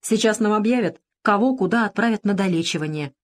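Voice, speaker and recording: A woman voicing a bright, bossy young army nurse who talks in a teasing, lively way, in a storybook reading. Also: mid-range voice, a little fast, natural voice. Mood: earnest.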